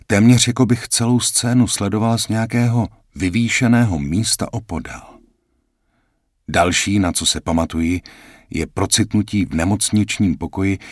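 A man calmly reading a first-person audiobook in a measured, reflective way. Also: low-pitched, slightly rough, no echo, clean studio sound. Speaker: audiobook narrator.

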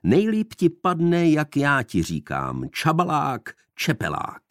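A man's voice: a little high, wildly swooping pitch, fairly bright tone, dry recording, clean studio sound, voice pushed up, full character voice. A man reading the part of a jovial, mocking young man with a bantering, theatrical way of talking.

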